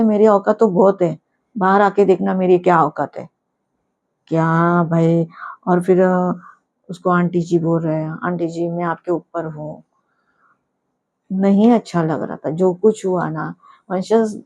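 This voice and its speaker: A woman's voice: on the low side, vocal fry, dark tone. A woman casually recapping a reality show episode, indignant at times and retelling scenes through quoted lines.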